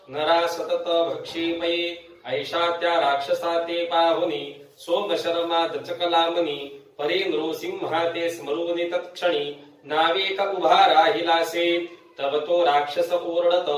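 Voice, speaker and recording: A man with a high voice chants devotional verse line by line, slow and melodic. He sits well back from the microphone. The room around him rings with heavy echo. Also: a bit bright. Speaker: scripture reciter. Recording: very echoey room, voice far from mic.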